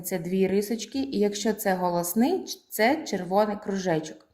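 A woman teaches a group of preschool children, sounding each word out with care. She talks at an unhurried pace, pausing so the little ones can follow. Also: medium pitch, dark tone. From Ukraine. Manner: slow, deliberate, drawing out words for children. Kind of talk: slow, clear preschool lesson.

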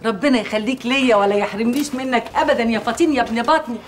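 A woman's voice: fairly high pitch, quick pace, a little hiss or hum, close to an everyday voice. An actress playing a doting, fussing mother in a comedy series. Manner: fussing, endearing. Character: doting middle-aged mother, fussing and affectionate.

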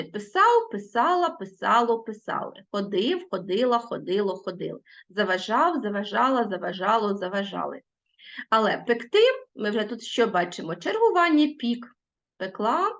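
Teacher woman with lively pitch. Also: dull audio. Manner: clear, patient dictation, spelling out word forms one by one; addresses pupils directly, asks them to pause the video. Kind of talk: recorded school lesson.

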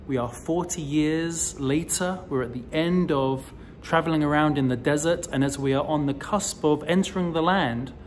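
A man in his forties giving a recorded sermon as a rabbi, telling the story slowly with emphatic rises, filmed close up on a phone indoors. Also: a little high, a little hiss or hum. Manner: slow, deliberate storytelling delivery with emphatic rises. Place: indoors in front of a decorative wall. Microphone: phone or camera close to the face, selfie framing.

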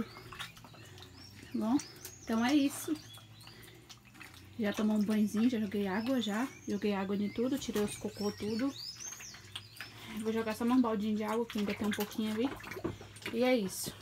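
Holding her phone camera, a woman vlogs her daily chores outdoors in the farmyard and pigsty, talking casually at a moderate pace with frequent pauses. She sings out to the animals in a high voice amid background noise.

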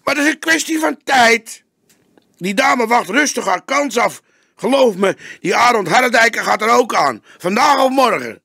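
A man voicing an agitated young male police detective who argues in a high, urgent voice. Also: animated, moderate pace, vocal fry, sharp tone, husky, no room sound, studio quality, full character voice. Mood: heated.

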